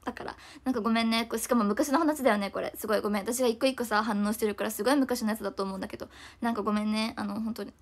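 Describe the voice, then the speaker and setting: A young woman, chatting fast and casually on a livestream, reading viewer comments and often apologizing. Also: fairly high pitch, steady tone.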